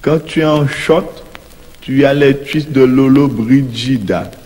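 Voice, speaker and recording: A man's voice: medium pitch, slow pace, darkish tone, big-room sound, slight background noise. A man with a Martinican French accent doing a comic sketch as a blustering father, rambling in mangled, pompous French. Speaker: comedian playing a father.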